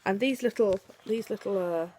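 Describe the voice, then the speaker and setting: A young woman, a mother, reads picture books aloud to her little daughter, coaxing her gently between pages. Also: medium pitch, normal speed, slight background noise. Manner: animated storytelling voice, coaxing and gentle with her child.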